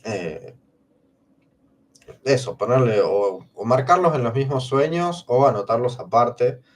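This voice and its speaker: A man's voice: medium pitch, expressive, unhurried, recorded from a distance. A man co-hosting a livestream workshop, explaining emphatically and checking in with listeners. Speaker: workshop co-host. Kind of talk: casual teaching on a livestream.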